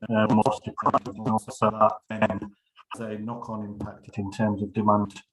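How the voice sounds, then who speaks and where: A man speaking in a remote council meeting over a video call, his voice bubbly and garbled as if underwater, and his delivery halting with many pauses. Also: on the low side, level tone, fairly bright tone, poor audio. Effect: bubbly underwater-sounding garbled connection. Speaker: council officer.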